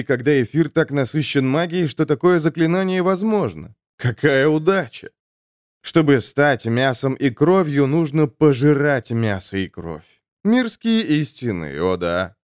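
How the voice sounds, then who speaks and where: A man's voice: a little high, a little mellow, clean tone, no room sound, clean studio sound. Dramatic male audiobook narrator.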